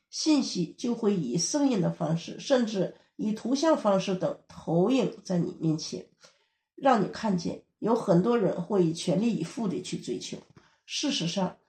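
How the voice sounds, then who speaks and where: A woman teaching a sermon in a steady, explanatory manner. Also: medium pitch, echoey room. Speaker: preacher.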